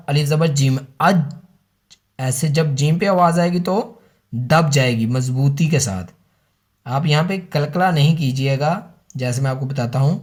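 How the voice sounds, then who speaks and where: A man's voice: fairly high pitch, a little mellow. Patient Pakistani man teaching Quran reading. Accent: Pakistani Urdu. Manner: patient, spells syllables out slowly and repeats them; addresses viewers as students. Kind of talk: slow recitation lesson for children.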